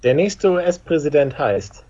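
A man's voice: fairly high pitch, expressive, measured pace, dark tone, dry recording. A man co-hosting a casual interview, reading out short questions and chatting with the guest. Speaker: co-host asking quiz questions. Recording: slightly dull, lo-fi sound.

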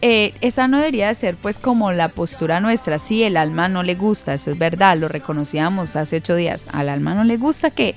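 Woman telling lively anecdotes. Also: fairly low pitch, fairly quick, hardly any pauses, faint music behind. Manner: lively storytelling, acting out everyday dialogue with humor. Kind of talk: conversational faith talk.

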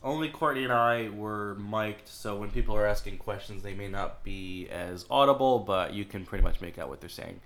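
A man's voice: on the low side, moderate pace, hardly any pauses, fairly bright tone. A man hosting a podcast in a casual, chatty way, sounding congested and stuffy-nosed from a cold. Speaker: podcast host. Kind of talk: casual scripted-free podcast introduction.

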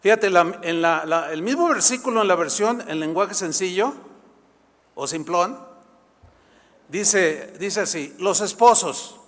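A man preaching a sermon as a pastor, in an animated, conversational way with quick asides. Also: high-pitched. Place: church sanctuary. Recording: long hall reverb.

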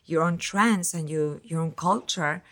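A woman's voice: sits low, measured pace, fairly bright tone. A woman from Spain hosting a podcast interview, talking at length and rambling with restarts. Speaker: podcast host.

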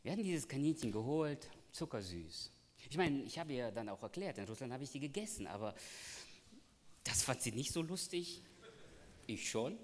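A man delivers a sermon with lots of movement in his voice. He drops almost to a whisper, then rises loud and high, and tells homely anecdotes. His voice carries through a hall with a long reverb. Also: normal speed. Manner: lively, storytelling, swings from hushed to loud. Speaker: preacher.

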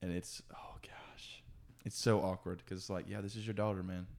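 Young man, low gravelly voice with a sharp edge, casual co-host with voice cracks. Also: little pitch movement, moderate pace. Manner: easygoing, sheepish, prone to voice cracks. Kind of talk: casual chat.

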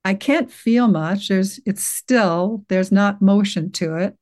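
An older woman gently guiding a listener through an inner awareness exercise, reassuring and unhurried, with frequent restarts. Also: medium pitch. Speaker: guest teacher guiding a practice. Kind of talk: guided meditation walkthrough in conversation.

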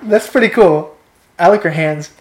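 A young woman chatting casually with a friend and reading out a story she wrote, playful and quick to laugh. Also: lowish voice, roomy sound, slight background noise. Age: young adult. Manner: playful, laughs easily, reads a story aloud. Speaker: co-host.

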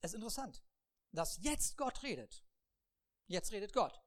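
Lively humorous preacher. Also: medium pitch, normal speed. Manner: humorous, laughs often, acts out the people in the story. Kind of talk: sermon with acted-out Bible scenes.

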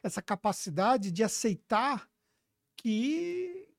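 A man interviewing a guest in a relaxed, reflective, conversational way. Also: very high voice, slow, vocal fry, no echo, studio quality. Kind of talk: casual interview talk.

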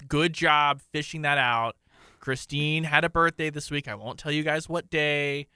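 A man's voice: on the high side, fairly even intonation, measured pace, sharp tone, clear, resonant tone, no room sound. A man co-hosting a podcast, chatting casually with dry, wry humor. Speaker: podcast co-host. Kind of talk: casual chat.

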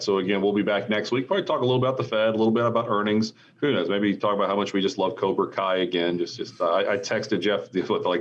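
A low-voiced American man hosts a casual podcast chat. He rambles conversationally and wanders into asides, on slightly dull, band-limited audio. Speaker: podcast host. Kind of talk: casual market commentary chat.

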